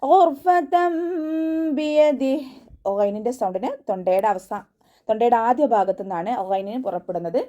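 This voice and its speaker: A woman teaching tajweed in an online class, giving patient step-by-step pronunciation instructions and then reciting each verse slowly, in a higher voice. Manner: patient, step-by-step instruction, often ending with a soft "tto".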